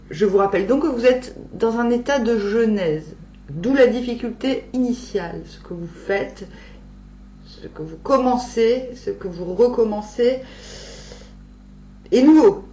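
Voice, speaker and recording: An echoey, slightly dull recording of a woman reading tarot for her viewers with a retainer in her mouth. She takes her time, pausing to think aloud and rephrase as she goes. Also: medium pitch, warm tone. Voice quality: speaking with a dental retainer in. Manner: halting, thinking aloud with pauses and self-corrections. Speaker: tarot reader. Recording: echoey room, dull sound, faint hum.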